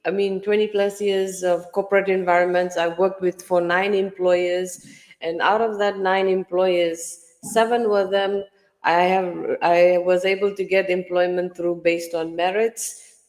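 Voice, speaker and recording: A woman's voice: mid-range voice, a little mellow. Woman in her forties, hall echo. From Fiji. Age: early 40s. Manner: earnest, personal storytelling. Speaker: online mentor, panel guest. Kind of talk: livestream panel talk.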